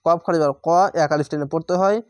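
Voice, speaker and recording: A man teaching Quran reading, sounding out each syllable slowly and drawing out the vowels before repeating whole words. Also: on the high side, darkish tone, clear, resonant tone, dry recording, clean studio sound. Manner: slow, drawn-out syllable-by-syllable spelling and repetition. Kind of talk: spelling out Quran recitation lesson.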